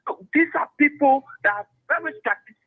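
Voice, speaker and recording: A man's voice: very high voice, animated, a little fast, dry recording. Argumentative man on a clipped phone line. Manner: argumentative, repeats words while searching for them. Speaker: caller. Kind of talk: call-in commentary on a radio talk show. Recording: narrow dry phone line.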